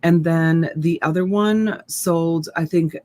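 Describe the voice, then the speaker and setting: A woman's voice: sits low, steady tone, takes it slowly, darkish tone. A woman in her fifties hosting a casual live stream, rambling and chatting with viewers as she reads their comments. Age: 50s. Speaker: live-stream reseller host. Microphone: USB desk mic.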